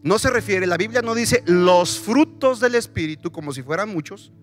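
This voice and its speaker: A male pastor preaching a sermon in a church, animated and often asking the congregation questions. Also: high-pitched, moderate pace, soft background music.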